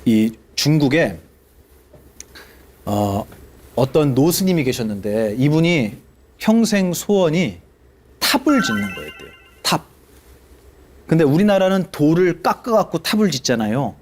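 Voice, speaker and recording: A male Buddhist monk giving a lively sermon to an audience, asking them questions and acting out the people he quotes. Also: on the high side, measured pace, pauses often. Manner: animated, asks the audience questions and acts out quoted speech.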